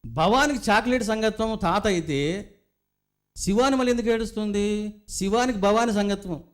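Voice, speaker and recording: High-voiced man giving a spiritual discourse. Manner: storytelling, rhetorical questions to listeners. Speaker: spiritual teacher. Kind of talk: devotional discourse.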